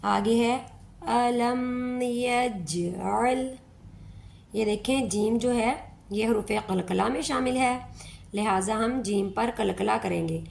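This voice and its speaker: Woman tajweed teacher, unhurried patient delivery, slightly high voice. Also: gravelly, a little hiss or hum. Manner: slow, patient explaining with drawn-out demonstrations. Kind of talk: step-by-step recitation lesson.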